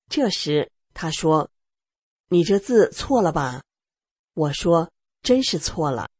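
A woman's voice: deep voice, a little mellow, breathy edge, no room sound. A middle-aged woman reading out a personal testimony in plain storytelling style, acting out the quoted dialogue. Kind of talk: read-aloud personal testimony.

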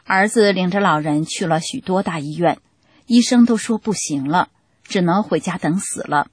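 Lady reading a story out, husky breathy voice, dry close sound. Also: fairly low pitch, moderate pace, no echo. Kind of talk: scripted testimony reading.

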